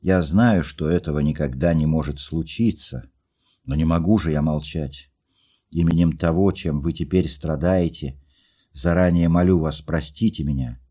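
A man's voice: a bass voice, normal speed, mellow, husky. A man reading a story aloud, playing a lovesick young man who pours out his feelings. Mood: fervent. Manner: fervent, pleading outbursts. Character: young man, lovesick, earnest and agitated dreamer.

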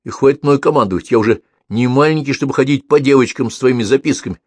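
A man's voice: mid-range voice, fast, darkish tone, no room sound, pitched above the performer's own voice, natural voice. A man voicing a cheeky, defiant little boy in an audiobook reading, mocking and taunting.

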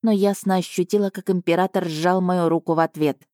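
A woman's voice: fairly low pitch, steady tone, a little fast, dark tone, dry recording, clean studio sound. Woman reading a fantasy audiobook. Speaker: audiobook reader. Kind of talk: first-person fantasy narration.

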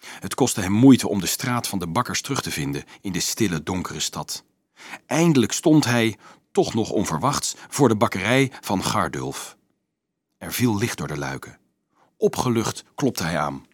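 A man narrating a novel in a steady storytelling manner. His voice sits fairly low. The recording is dry and close. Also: moderate pace, breathy edge, no room sound. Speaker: audiobook narrator. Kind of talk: scripted narration.

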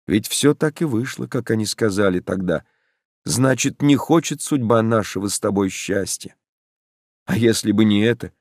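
A man reading a gentle, fatalistic young village woman. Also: on the low side, dry recording, studio quality. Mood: tender. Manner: soft, earnest and insistent. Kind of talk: audiobook narration.

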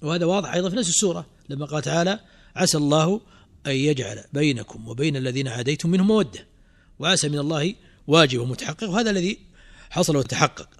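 A man's voice: a little high, expressive, very fast. A middle-aged man teaching a religious text in class, quizzing students with rhetorical questions and fillers. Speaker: sheikh teaching a creed commentary.

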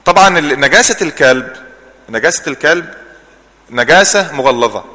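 A man with an Egyptian Arabic accent teaches a religious class at a quick clip. His voice is bright and fairly high, and it rings with the long reverb of a hall. He quizzes the students with leading questions and answers them himself. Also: animated. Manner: repeats key words slowly to drill them. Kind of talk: classroom Islamic jurisprudence lesson.

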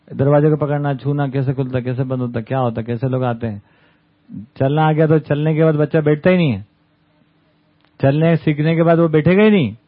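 Man lecturing over a tinny line. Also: fairly high pitch. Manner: conversational, often adds "है ना?" tag questions. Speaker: camp speaker. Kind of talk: talk to a study group. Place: camp hall with an audience. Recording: tinny phone-like sound.

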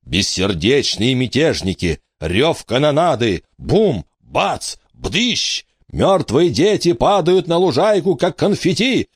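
A male narrator voicing a pompous, bombastic middle-aged man who blusters loudly and theatrically. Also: fairly high pitch, big pitch swings, slow pace, few pauses, slightly rough, no room sound, studio quality, pitched above the performer's own voice, exaggerated voice. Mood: gleeful.

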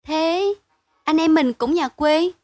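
Wistful little girl in a bedtime story, read by a woman: high, pleading, childlike, dry and close. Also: slow pace, darkish tone, dry recording. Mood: curious. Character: little girl, gentle and wistful younger sister.

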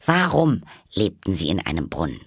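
A man's voice: deep voice, huge pitch swings, slightly rough, dry recording, clean studio sound, heavily acted. A man reading a storybook aloud, voicing the curious, touchy girl Alice in a raised, half-whispered voice. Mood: indignant. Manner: earnest, quick to protest.

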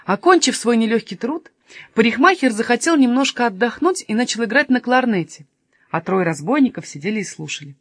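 A woman reads a children's story aloud, with a lively voice that moves freely up and down. The sound is close and dry with no room around it. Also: on the high side, brisk, no echo. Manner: lively, expressive narration.

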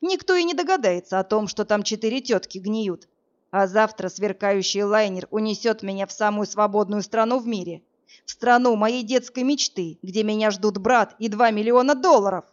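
A woman's voice: medium pitch, normal speed, muffled recording, lightly acted. A woman reading an audiobook, voicing a cruel, greedy young man who gloats and sneers over his victims. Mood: gloating.

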